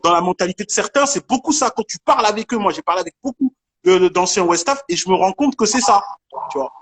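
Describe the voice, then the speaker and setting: High-voiced man from Congo, insistent. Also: expressive, fast, breathy edge. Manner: emphatic, insistent, many restarts. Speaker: debate participant. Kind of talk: casual live debate.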